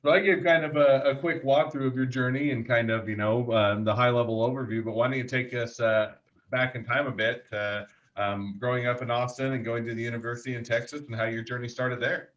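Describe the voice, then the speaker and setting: A man hosts a podcast interview, introducing and questioning his guest. He speaks in a halting way, full of fillers and restarts, on a slightly dull, lo-fi recording. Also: medium pitch, fairly even intonation, a bit bright. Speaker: podcast host. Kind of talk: interview hosting.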